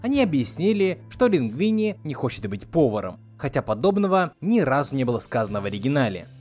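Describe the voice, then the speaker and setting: With a darkish tone and a sing-song, fairly quick delivery, a man at medium pitch hosts a scripted video essay reviewing film dubbing. He sounds like a commentator, and his voice-over has music running underneath.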